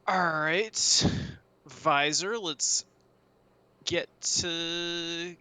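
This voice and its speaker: Bright-voiced joking male player. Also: a little high, very slow. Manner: jokey, chatty, laughs often. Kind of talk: casual tabletop game chat.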